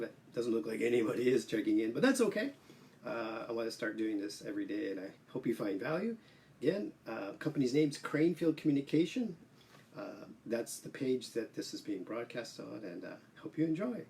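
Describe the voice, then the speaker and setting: Low-voiced man talking slightly off-mic. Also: far from the mic, a little hiss or hum. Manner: relaxed, many "uh" fillers, explanatory. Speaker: English teacher and host. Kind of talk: casual solo livestream talk.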